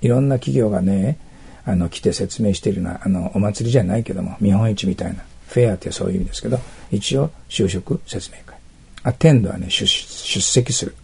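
Man, English teacher, test-prep lesson, rough gravelly voice, very husky, explains step by step. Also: fairly low pitch, a little mellow. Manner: explains step by step with frequent checking tags; reads English test sentences slowly.

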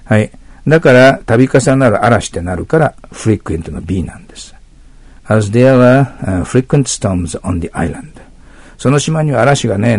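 A man teaching English vocabulary in an e-learning lecture, explaining patiently, correcting himself, often clearing his throat and trailing into a whisper at sentence ends. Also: lowish voice, darkish tone, no room sound. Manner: explains patiently, self-corrects, asks rhetorical "ね".

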